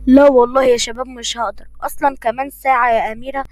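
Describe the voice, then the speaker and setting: Woman doing a nervous sweet young Egyptian woman, high voice, dry close sound, for a storybook cartoon. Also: fairly even intonation, a little mellow, no echo, natural voice. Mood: anxious. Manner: anxious, hurried. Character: sweet young woman, nervous about her strict father.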